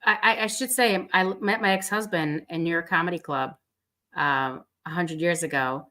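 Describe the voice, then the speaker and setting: A woman's voice: on the low side, normal speed, pushed and bright. A woman in her forties, a comedian and guest, telling stories in a chatty, playful way with lots of fillers. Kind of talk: casual comedic storytelling.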